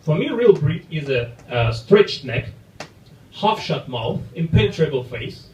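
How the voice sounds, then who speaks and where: A man in his thirties with a Russian accent doing a live stand-up set, with a halting, apologetic delivery full of fillers. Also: fairly high pitch, big pitch swings. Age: 30s. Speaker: stand-up comedian. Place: comedy club stage. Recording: roomy live club, far mic, loud crowd laughter.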